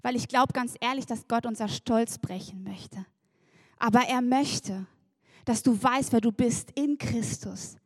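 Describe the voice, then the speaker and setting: A high-voiced woman delivers a sermon in a lively, chatty way, turning often to speak directly to her listeners. Her voice sits dry and close, with hardly any room sound around it. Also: a little slow, no room sound. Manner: lively and chatty, laughs and addresses the congregation directly. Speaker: preacher.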